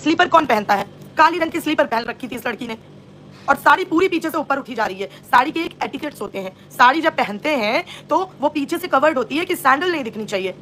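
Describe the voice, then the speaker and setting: High-voiced woman taunting on a livestream. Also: animated, fast, sharp tone, a little hiss or hum. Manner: taunting, scolding, sarcastic. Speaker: live-stream vlogger. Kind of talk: live-stream gossip commentary.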